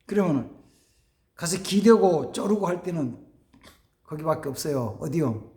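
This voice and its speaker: A man preaching a sermon as pastor, animated, acting out family dialogues and dropping to near-whispers for emphasis. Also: a little high, normal speed, reverberant. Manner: animated, acts out family dialogues in shifting voices. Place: church sanctuary.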